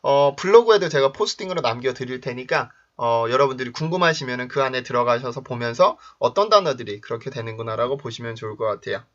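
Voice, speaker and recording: A man teaching English pronunciation in a video lesson, explaining sounds and drilling example words in a clear, punchy way. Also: mid-range voice, expressive, fast, hardly any pauses, a bit bright. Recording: dull lo-fi recording.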